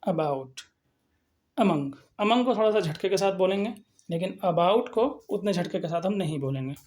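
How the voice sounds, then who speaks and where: A woman's voice: on the low side, animated, normal speed, darkish tone. A woman teaching phonetics in a recorded lesson, explaining patiently and repeating example words. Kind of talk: recorded lecture with slides.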